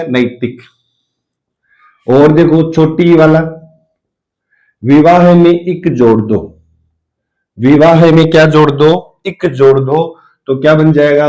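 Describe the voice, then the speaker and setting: A man's voice: a little high, darkish tone, low-quality recording. Man teaching with self-answered questions. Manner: repeats questions and answers them himself; writes while explaining. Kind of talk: spelling lesson at a board.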